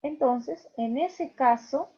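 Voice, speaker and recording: A woman's voice: high voice, takes it slowly, dark tone. A woman teacher giving a class, explaining patiently step by step and checking in with her students often. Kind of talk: online class lecture. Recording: dull lo-fi recording.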